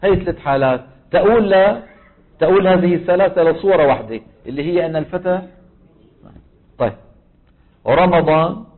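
A man teaching a recitation class, firing questions at his students and answering them himself. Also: on the high side. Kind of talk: classroom lesson. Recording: tinny phone-like line.

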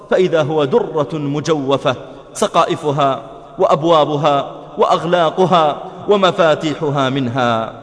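A man's voice: medium pitch, long reverb tail. A man preaching in a dramatic storytelling manner, acting out the quoted voices. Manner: dramatic, voices the quoted speakers, chants verse. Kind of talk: sermon storytelling.

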